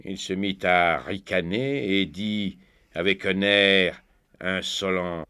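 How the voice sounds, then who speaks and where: A man's voice: low-pitched, slow pace, smooth. Man narrating a storybook tale. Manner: lively, expressive reading. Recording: faint background music.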